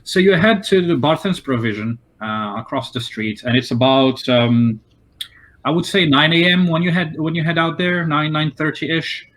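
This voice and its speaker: A man narrating as game master of a tabletop game, halting with many fillers and restarts. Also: on the high side, a bit bright.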